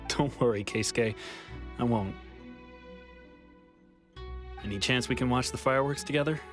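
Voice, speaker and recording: A man's voice: mid-range voice, brisk, faint music behind, close to an everyday voice. Humbled, wistful runaway man, played by an actor. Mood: hopeful. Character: weary, humbled male runaway returning home, wistful. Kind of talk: video game dialogue acting.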